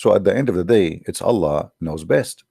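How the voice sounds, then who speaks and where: A man's voice: deep voice, animated, moderate pace, gravelly, warm tone, slightly rough, dry recording, studio quality. A man hosting a livestream, talking in a sarcastic, mocking way. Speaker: online show host. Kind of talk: livestream commentary.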